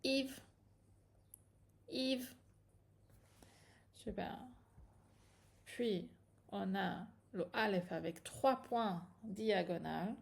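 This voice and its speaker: A woman who teaches a reading lesson step by step, patiently checking in with her students as she goes. She speaks slowly and unhurriedly. Her voice has a gravelly, fry-tinged texture at a medium pitch. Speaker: Hebrew teacher.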